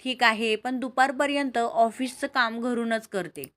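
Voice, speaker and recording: A woman's voice: a little high, steady tone, measured pace, fairly bright tone. Woman voicing a polite, determined young woman. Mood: earnest.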